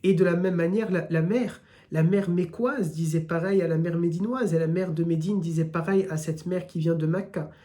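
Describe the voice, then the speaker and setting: Speaking at a normal speed with hardly any pauses, this man has a fairly high, mellow voice. He's an Islamic teacher with a southern French accent leading a live lesson, talking directly to listeners and using repeated lists to make his points.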